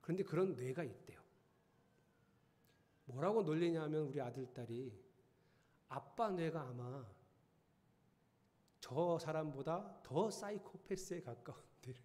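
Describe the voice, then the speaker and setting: A middle-aged man preaching in a church sanctuary, relaxed and conversational, often teasing his listeners with questions. His voice sits somewhat high for a man. Long reverb from the hall follows him. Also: unhurried, long pauses. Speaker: pastor. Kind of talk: sermon.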